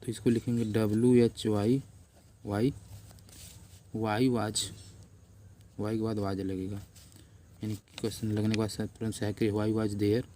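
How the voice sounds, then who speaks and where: A middle-aged man teaching English translation, spelling words out letter by letter and repeating them slowly as viewers copy along. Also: lowish voice, level tone, warm tone, slight background noise. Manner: addresses viewers as friends, patient. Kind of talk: classroom-style lesson, slow dictation. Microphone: camera on a notebook while writing.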